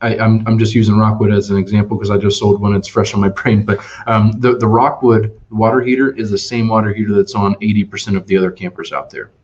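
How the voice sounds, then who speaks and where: An emphatic male RV salesman who talks in a low voice with many restarts, telling customer stories as a webinar guest. The audio is dull and lo-fi, as webinar sound often is. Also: fairly even intonation, fast talker, hardly any pauses, darkish tone. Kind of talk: storytelling sales talk. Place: Ohio dealership office.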